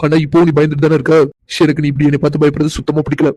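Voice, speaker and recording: A pushy, doting young man from a cartoon, voiced by a man. He coaxes and insists in a fairly high, very flat voice. The sound is dry and close. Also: racing, dry recording, lightly acted, poor audio. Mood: coaxing. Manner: coaxing, insistent. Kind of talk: cartoon voice acting.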